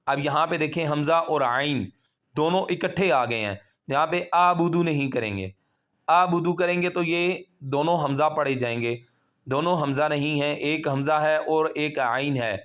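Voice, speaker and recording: A man teaching Quran recitation, spelling words out slowly syllable by syllable and then explaining the rules briskly. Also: a little high, fairly bright tone. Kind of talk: slow spelled-out tajweed drill with quick explanations.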